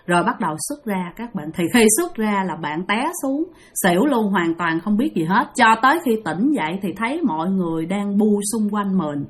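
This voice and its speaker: A woman's voice: medium pitch, animated, normal speed, few pauses. A woman with a Southern Vietnamese accent telling a ghost story, chatty and addressing listeners directly. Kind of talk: spoken ghost story narration.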